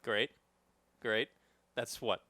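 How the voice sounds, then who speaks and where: A man's voice: mid-range voice, fairly even intonation, very slow, bright, forceful tone, no echo. Teasing New York man, dry close mic. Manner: teasing, quizzing with hypotheticals. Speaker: podcast co-host. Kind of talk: casual banter.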